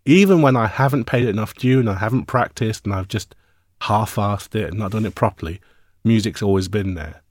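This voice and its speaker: A man's voice: fairly low pitch, a little fast, no room sound, studio quality. A man in his fifties, a musician guest in an interview, talking reflectively and at length with fillers. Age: 50s. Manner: reflective, animated, rambling with fillers. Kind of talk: interview conversation.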